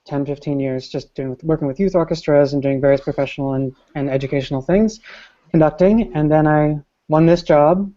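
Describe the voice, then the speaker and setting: A man's voice: on the high side, fairly quick, warm tone. A man from the Bay Area, a guest on a video call panel, who talks in a loose way with halts and restarts. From San Francisco Bay Area. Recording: muffled video call audio.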